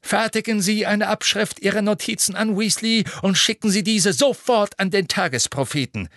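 A man's voice: sits high, moderate pace, no room sound, studio quality, voice pushed up. A man voicing a blustering, gloating middle-aged male minister who barks his lines in an audiobook reading. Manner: shouting, barking, gloating.

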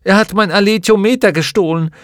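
A young girl in a storybook cries out through her sobs, her voice pushed high and loud above the reader's own, as a man acts her out. The sound is dry and close, with no room around it. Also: fairly quick, dry recording, close to an everyday voice. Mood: sobbing fury. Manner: high, loud, crying outbursts. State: sobbing. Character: distraught young girl, furious and sobbing.

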